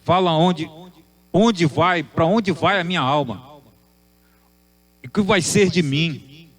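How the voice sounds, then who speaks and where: A preacher voicing a frightened, dying young man who pleads quietly. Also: on the high side, takes it slowly. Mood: pleading.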